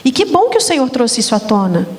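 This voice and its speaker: Woman, Brazilian Portuguese accent, fairly high voice, animated storytelling, church stage talk show host. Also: fast. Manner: animated storytelling, addresses audience as "gente".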